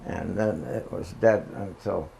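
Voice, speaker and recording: A very old man, recalling the past in a halting, hesitant oral history interview. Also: sits low, creaky, a crowd in the background.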